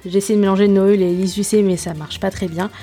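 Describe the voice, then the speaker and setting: A woman's voice: mid-range voice, steady tone, fast talker, mellow, soft background music. A woman hosting a casual solo podcast, speaking in informal, slangy language with self-deprecating asides and searching hesitations. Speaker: podcast host.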